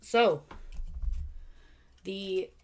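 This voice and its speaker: A woman's voice: mid-range voice, very slow, very noisy. A woman, a YouTuber reading a film script aloud, chatty and full of rambling asides. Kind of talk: casual script read-through.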